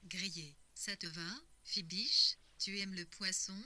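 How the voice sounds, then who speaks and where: A woman reading the part of an assured, controlling middle-aged man in a novel, in a brisk, managing tone. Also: on the low side, fairly even intonation, sharp tone, exaggerated voice. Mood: concerned.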